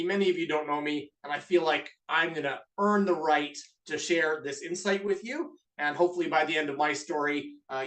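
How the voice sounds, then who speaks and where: Speaking through a video call mic, this webinar host and co-owner of a business has a somewhat high, slightly bright voice, recorded from afar with poor audio. He has a Canadian accent and runs a live online masterclass in a cheerful, chatty manner, dropping plenty of uhs.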